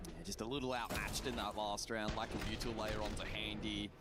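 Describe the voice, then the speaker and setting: A man giving measured color commentary on an esports match, calmly breaking down stats and plays. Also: fairly low pitch, over loud music. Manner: calm, analytical, reads out stats. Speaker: esports analyst caster.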